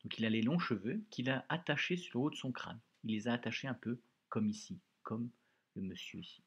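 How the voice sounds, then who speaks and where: A man's voice: mid-range voice, fairly quick, breathy edge, muffled recording. A male teacher leading a reading lesson for pupils, explaining words patiently and repeating phrases.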